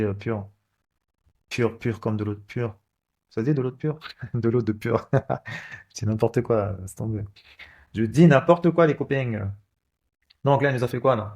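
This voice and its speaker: This coding channel host has a medium-pitched, slightly mellow voice with vocal fry. In his casual screen-recorded walkthrough, he talks his way through the code, thinking aloud with lots of fillers and restarts.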